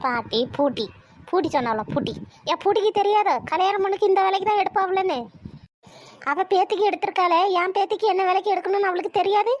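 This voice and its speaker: A woman plays a bossy, sharp-tongued old grandmother in what feels like a homemade family comedy skit, forever finding fault and nagging her relatives. Indignant, she scolds everyone in a high voice, her complaints tumbling out rapid-fire. The recording is muffled, with slight background noise.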